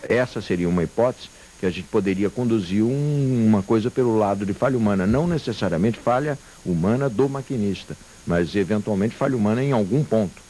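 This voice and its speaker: Brazilian male interviewee, careful and hedging, dark relaxed tone, slight hiss. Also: fairly low pitch, a little fast, hardly any pauses. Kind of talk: interview answer. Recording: faint hiss.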